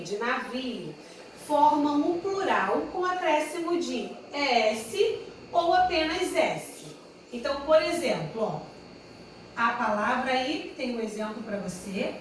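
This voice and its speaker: A woman teaching grammar in a high, unhurried voice, repeating every example and stopping now and then to correct herself. She sounds far from the microphone, in a very echoey room with faint ambient noise behind her. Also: a bit bright. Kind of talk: grammar lesson at a whiteboard.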